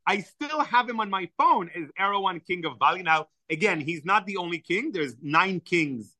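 A podcast guest whose first language is Hebrew tells stories with animation and enthusiasm. His voice is high and his pace moderate, and the recording is dry.

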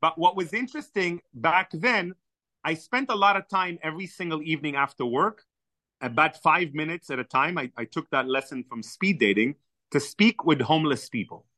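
Telling stories conversationally as a podcast guest, a man whose native language is Hebrew comes across as lively and enthusiastic. His voice leans high, he speaks at normal speed, and the audio has no room sound.

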